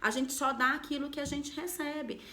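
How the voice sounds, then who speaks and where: A woman's voice: sits high, fairly even intonation, moderate pace, pushed and bright. A woman from Goiânia, a mother, giving a motivational talk on emotional health and firing direct rhetorical questions at the viewer. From Goiânia, Brazil. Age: adult, mother of a daughter.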